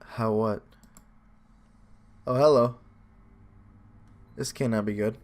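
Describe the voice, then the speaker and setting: A young man hosts a let's play, chatting casually in a rambling, self-deprecating way, with faint game music behind him. His voice is fairly low, a little mellow, and fairly even in intonation, and he speaks slowly.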